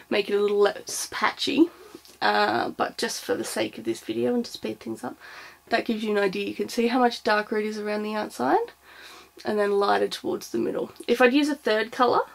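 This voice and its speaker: A woman presenting an informal craft demonstration, thinking aloud as she goes. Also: medium pitch. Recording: clear background noise, clicks.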